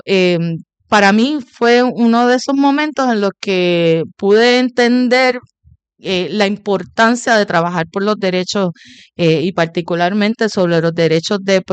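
A woman's voice: mid-range voice, clean tone, dry recording. A woman, a guest in an interview, earnestly recounting memories with small hesitations. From Puerto Rico. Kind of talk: conversational interview.

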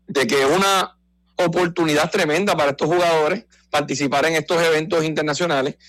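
A man's voice: fairly high pitch, a bit bright, dry recording, rough recording. A man, talking baseball in a casual radio conversation, explaining things in an informed, emphatic way. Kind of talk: casual sports talk.

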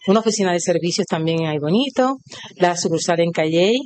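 A woman's voice: on the low side, animated, fairly quick, a little mellow, a little hiss or hum. A woman with a Puerto Rican accent, a cooperative leader being interviewed, proudly listing things in rhythmic runs. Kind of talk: on-site interview.

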